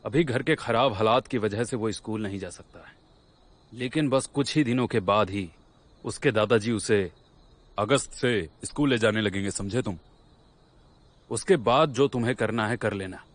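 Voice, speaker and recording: An actor playing a former guardian spirit who mocks and scolds, often dropping to a hushed voice. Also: male voice, on the low side, normal speed, close to an everyday voice. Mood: mocking. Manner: scolding and mocking, drops to hushed tones. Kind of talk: Hindi dub of a drama series.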